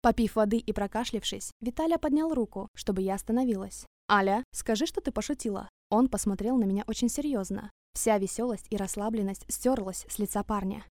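A woman narrating a first-person story in an even, reflective way. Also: medium pitch, a little fast, few pauses, no room sound, studio quality.

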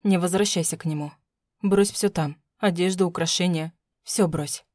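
A woman's voice: fairly low pitch, normal speed, a little mellow, no echo, clean studio sound, lightly acted. A woman voicing a tender, anxious older mother. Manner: tender, soothing, nervous. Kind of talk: audiobook narration.

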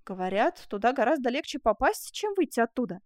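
A woman's voice: fairly high pitch, big pitch swings, brisk, dry recording, studio quality. A woman voicing a coquettish young seamstress who teases her lover, in a storybook reading. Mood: teasing. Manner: coquettish, teasing.

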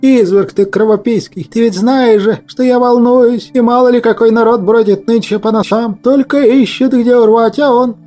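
A man voicing an elderly peasant mother who fusses and wails in a high voice. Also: fairly even intonation, normal speed, few pauses, dark tone, faint music behind. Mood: fretting. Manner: high wailing fuss.

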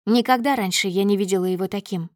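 A woman's voice: mid-range voice, fast, no room sound, clean studio sound. Woman narrating a dramatic audiobook. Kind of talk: first-person audiobook narration.

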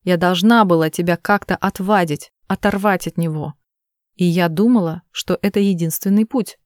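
A woman reading the lines of a desperate mother who pleads through tears, in a low, dry voice. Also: normal speed, no echo, natural voice. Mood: tearful pleading. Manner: pleading, urgent. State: crying.

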